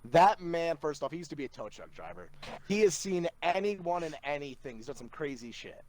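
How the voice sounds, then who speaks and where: A man, a podcast guest, telling funny stories in an animated, laughing way over a remote call. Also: fairly high pitch, fairly quick, no room sound. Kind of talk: casual storytelling.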